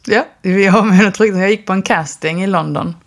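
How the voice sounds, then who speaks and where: A woman actress speaking candidly as an interview guest, in a relaxed way with many fillers. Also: medium pitch. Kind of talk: casual storytelling conversation.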